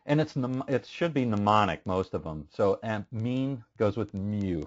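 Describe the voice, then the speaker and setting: A man's voice: fairly low pitch, expressive, unhurried. A male instructor giving a casual statistics lecture, asking students questions and using many fillers. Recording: muffled lo-fi classroom recording.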